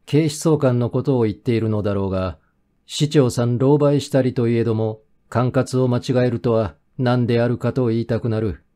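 A man reading a first-person mystery as an audiobook narrator, in steady, measured storytelling. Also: mid-range voice.

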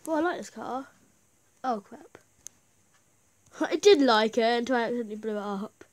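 Despite a bad cold, this high-voiced gaming YouTuber talks at normal speed, offering excitable, rambling, casual commentary as the game plays.

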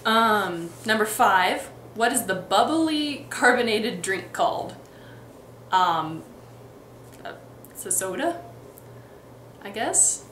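This vlogger takes it slowly, her mid-range voice fairly bright with lively intonation. A young adult from Texas and Missouri, US, with a light Midwestern accent, she rambles chattily through a casual accent tag vlog, with many ums and restarts. Her webcam records indoors in a roomy bedroom with a faint ambient hiss.

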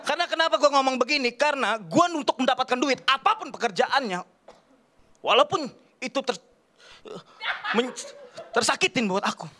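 High-voiced rambling stand-up comedian man. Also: normal speed, a little hiss or hum. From Kalimantan, Indonesia. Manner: animated, rambling, chatty slang delivery. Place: large TV studio stage. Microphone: handheld microphone.

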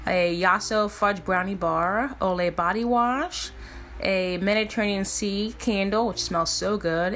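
This kitchen vlogger, a woman in her thirties, has a medium-pitched, fairly bright voice. Chatting in an upbeat, easygoing way at home, she explains her meal plan and reads off her groceries one at a time, with the camera facing her at medium framing.

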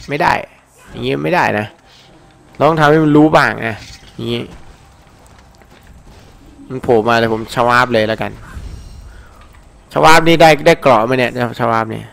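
Gravelly man excitedly commentating a game. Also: mid-range voice. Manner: animated, exclaims often, swears in excitement. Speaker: gameplay commentator.

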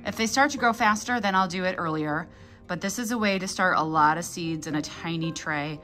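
A woman's voice: on the low side, a little fast, bright, forceful tone, faint music behind. A woman in her thirties, a flower farmer, chatting enthusiastically in a casual vlog from her basement seed-starting room on a handheld phone camera.

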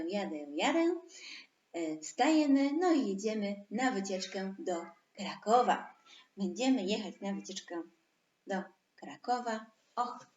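A woman's voice: medium pitch, a little mellow, muffled recording. A woman teaching an online lesson to young children, stretching out words for them to repeat. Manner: slow, drawn-out syllables for children to repeat. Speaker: preschool teacher. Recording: echoey room.

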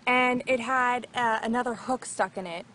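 A woman vlogging outdoors by freshwater, excitable and whooping, swearing casually as she talks about her catches. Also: on the high side, moderate pace, a little hiss or hum. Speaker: fishing vlogger. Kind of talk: casual outdoor vlog commentary.

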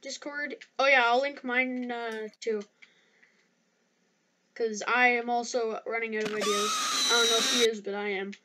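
A woman's voice: fairly high pitch, fairly even intonation, normal speed, bright, forceful tone, a little hiss or hum. Young woman chatting over gameplay. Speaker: gaming youtuber. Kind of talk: casual gameplay chat.

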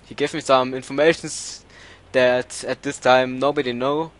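A man's voice: mid-range voice, fairly even intonation, normal speed. A man with a German accent, a native German speaker, hosting a casual multiplayer gaming chat and searching for words in English. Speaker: server owner and let's-play host.

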